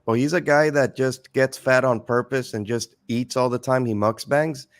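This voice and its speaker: A man's voice: mid-range voice, fairly even intonation, moderate pace. A man co-hosting a casual reaction chat over a video call, thinking aloud and drifting into tangents. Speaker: co-host.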